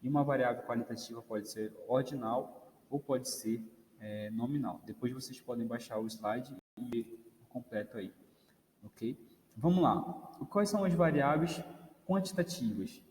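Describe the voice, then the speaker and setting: A man's voice: mid-range voice, normal speed, a little mellow, slight background noise. Man lecturing in a reverberant room. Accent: Brazilian Portuguese. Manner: explanatory, many fillers like "né" and "ok". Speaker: teacher. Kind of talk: recorded lecture. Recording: roomy reverb, faint ambience.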